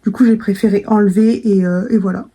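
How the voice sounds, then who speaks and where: A woman's voice: medium pitch, fairly even intonation, brisk, mellow, breathy edge. A young woman chatting casually to camera in a vlog, full of fillers and restarts. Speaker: vlogger.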